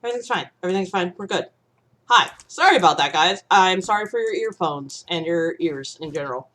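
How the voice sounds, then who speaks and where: Streaming a game, a young woman from the Midwest rambles through casual chat, swears freely and now and then erupts in panic. Her lowish voice is fairly bright, with lively intonation at a moderate pace.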